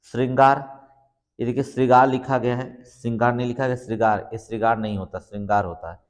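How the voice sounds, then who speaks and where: Speaking briskly in a mid-range voice with fairly even intonation, a man leads an exam-prep lesson. He works through each answer step by step and confirms it with a repeated check, while the room adds a long reverb.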